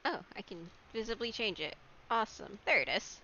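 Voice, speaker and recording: A woman's voice: on the high side, expressive, fairly quick, bright, forceful tone, muffled recording. A woman playing a tabletop game and chatting casually, with faint noise on the recording. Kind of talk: casual chat.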